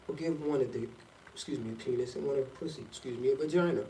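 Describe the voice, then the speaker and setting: A man's voice: medium pitch, quick pace, mellow. A man chatting casually and candidly to himself in a loose, rambling, slangy way, like a vlogger. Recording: distant mic in echoey, noisy room.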